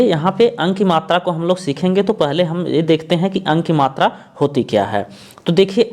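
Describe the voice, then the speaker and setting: A man teaching a lesson, explaining patiently and repeating each point while he spells out letters slowly. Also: on the high side, a little mellow.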